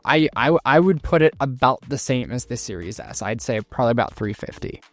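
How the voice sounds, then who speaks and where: A man's voice: medium pitch, lively intonation, fairly quick, fairly bright tone. A man in a casual chat, speculating and explaining his reasoning at length.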